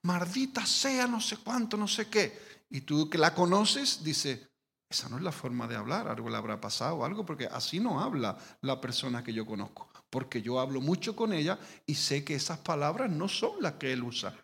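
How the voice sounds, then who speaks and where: A man's voice: medium pitch, very animated, a little fast, vocal fry, a bit bright. A man from giving an informal Bible teaching, conversational, with many restarts and tag questions. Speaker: preacher. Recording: long hall reverb.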